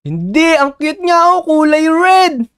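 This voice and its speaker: A man hosting a Minecraft let's-play, bossy and excitable, often urging his partner to hurry. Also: very high-pitched, slow. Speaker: gaming channel host.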